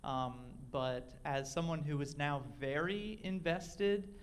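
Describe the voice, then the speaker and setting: A man's voice: fairly high pitch, lively intonation, takes it slowly, slight background noise. A man in the audience at a live podcast event who asks a long, rambling question full of fillers and restarts. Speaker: audience member asking a question.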